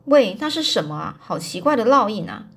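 A woman voicing a calm, fearless young man who speaks with unbothered composure. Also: medium pitch, a little fast, breathy edge, heavily acted.

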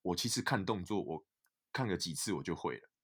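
A young man, a guest telling stories in a casual interview, animated and full of fillers. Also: low voice, a little fast, breathy edge. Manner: animated storyteller, many fillers. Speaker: guest, basketball player.

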